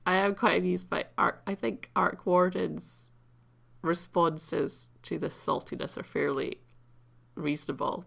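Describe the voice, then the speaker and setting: Over a video game replay, a woman rambles casually, her voice croaky as though she's just woken up, poking fun at her own play between plenty of ums. Her pitch sits on the low side, her pace is unhurried, and her tone is a bit bright.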